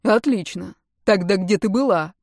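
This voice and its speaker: A woman's voice: medium pitch, animated, a little fast, warm tone, no echo, clean studio sound, natural voice. A woman reading aloud voices an agitated young man who fires off pushy, demanding questions. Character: angry, worried young man, a fiancé.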